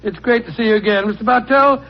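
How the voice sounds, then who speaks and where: A muffled old radio recording of a genial older English doctor. His voice is high for a man, British, bumbling and hesitant, in the manner of a 1940s radio drama. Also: fast talker. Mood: genial, fond. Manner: bumbling, hesitant, chuckling, stammering.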